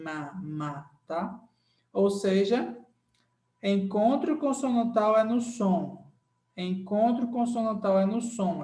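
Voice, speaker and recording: Brazilian male teacher, slow and repetitive, echoey classroom sound. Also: high-pitched, darkish tone. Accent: Brazilian Portuguese. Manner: drawn-out, repeats key phrases, checks in with "tá?". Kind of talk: grammar lesson. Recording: echoey room.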